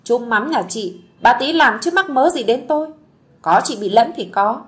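A woman voicing a feisty, sharp-tongued young village wife. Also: on the high side, expressive, moderate pace, close to an everyday voice. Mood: angry. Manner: sharp, defiant.

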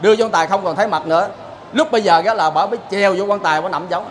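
Faint background noise lies beneath a high-pitched Southern Vietnamese man preaching a Buddhist sermon as a lay preacher. He tells folksy stories and frequently throws quick rhetorical questions at his audience.

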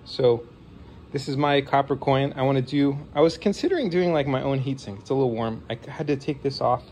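This is casual hands-on tech talk from a vlogger in his forties who is modding a console at his home desk, his nose sniffly as he rambles and apologizes. He speaks a little fast in a medium-pitched, darkish voice over slight background noise.

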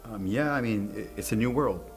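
A man's voice: on the low side, moderate pace, faint music behind, close to an everyday voice. A middle-aged man acting as a nervous, awkward witness under police questioning, hesitant, evasive and rambling. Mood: awkward, sheepish. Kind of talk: naturalistic screen acting, interrogation scene.

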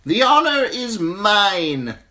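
A man voicing a small, flamboyant male wine merchant who hawks his wares in a high, drawn-out, theatrical cry. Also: big pitch swings, pushed and bright, heavily acted. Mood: fawning.

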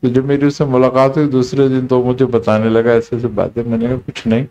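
A man, a spiritual teacher, telling a story in a relaxed conversational talk and acting out the quoted dialogue. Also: medium pitch, dull audio. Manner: unhurried, recounting with quoted dialogue.

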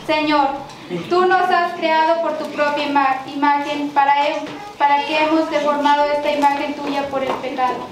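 A woman with a Mexican accent leading liturgical prayers and readings at a church mass, in a measured recited cadence with occasional restarts. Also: high-pitched, steady tone. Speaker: lay prayer leader. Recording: very echoey church with background noise.

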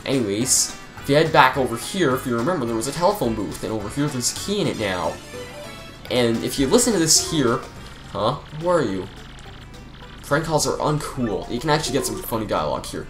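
A man's voice: mid-range voice, sing-song, fast talker. Rambling young man narrating gameplay. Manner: rambling, chatty, lots of fillers and laughs. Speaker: let's play commentator. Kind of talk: casual gameplay commentary. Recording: faint game music behind.

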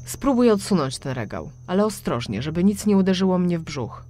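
Give me a woman playing a scared, pleading pregnant mother, pitched high and loud. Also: sing-song, a little fast. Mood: alarmed. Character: pregnant middle-aged mother, frightened and pleading.

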